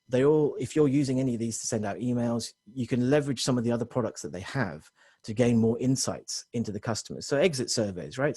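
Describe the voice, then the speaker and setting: A man working as a technology consultant, giving a quick webinar presentation to business owners with frequent restarts and self-corrections. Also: on the low side, darkish tone, breathy edge, dry recording, clean studio sound.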